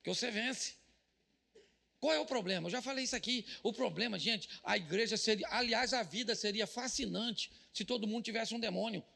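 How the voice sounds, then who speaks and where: Bright, gravelly-voiced man preaching with jokes. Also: high-pitched, fairly quick, big-room sound. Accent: Brazilian Portuguese. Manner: joking and loud, mimics people praying. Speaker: pastor. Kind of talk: comedic sermon. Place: stage at a business event.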